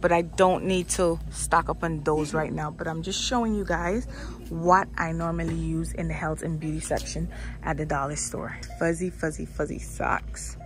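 This woman's voice sits low, with a steady tone and a moderate pace. Filming on a handheld phone camera, she narrates a casual shopping vlog from a store aisle, talking loosely, musing out loud and saying things more than once.

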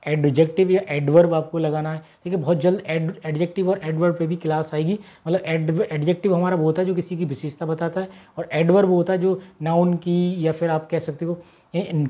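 A man teaches a grammar lesson in a high-pitched, mellow voice. He patiently repeats his example sentences, saying them slowly and drawn out, then explains them more briskly.

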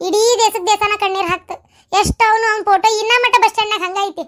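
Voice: very high voice, fairly even intonation, rapid-fire, a bit bright. A performer voicing a worried village mother with a North Karnataka accent, pleading with her only son in a cartoon. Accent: North Karnataka Kannada. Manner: pleading, insistent. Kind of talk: cartoon voice acting.

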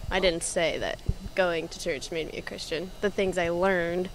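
Interviewee, woman, low monotone, faint outdoor noise. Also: normal speed. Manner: hesitant, defensive.

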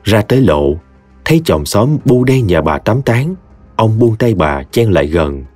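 A man with a Mekong Delta Vietnamese accent narrating a humorous story in a lively, expressive way. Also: fairly low pitch, a little slow, no room sound. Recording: dry close studio voice, soft music behind.

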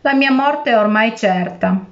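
A woman's voice: a little high, measured pace, lo-fi sound. A woman reading aloud and voicing a poor fisherman who pleads for his life and then outwits his captor. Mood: desperate, cunning. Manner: pleading, then shrewd and defiant. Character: poor, desperate, clever old fisherman.

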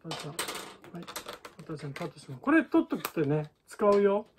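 A man's voice: sits high, big pitch swings, brisk, background noise. A man teaching balloon art in a chatty, casual way and laughing often. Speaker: balloon artist. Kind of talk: casual tutorial chat.

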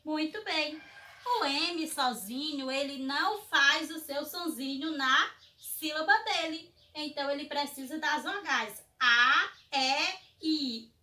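A Brazilian woman teaching a class to small children, slow and sing-song, stretching out syllables. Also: high voice, pushed and bright. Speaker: preschool teacher. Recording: echoey room, mic at a distance.

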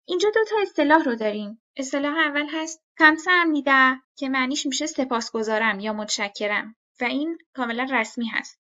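A woman giving a scripted language lesson, speaking clearly and patiently and repeating each example slowly. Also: sits high, expressive, sharp tone, lo-fi sound. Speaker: language teacher.

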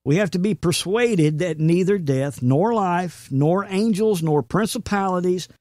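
Man, preacher-host, earnest emphatic sermon, slightly high voice, dry close sound. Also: a little slow, darkish tone, no room sound. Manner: earnest, emphatic, quotes scripture. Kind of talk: sermon-style commentary.

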